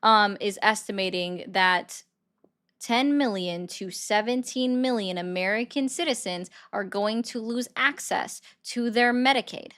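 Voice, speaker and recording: A woman's voice: medium pitch, unhurried, fairly bright tone. A woman hosting a political call-in livestream, talking bluntly and pushing back firmly on her callers. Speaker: host taking viewer calls.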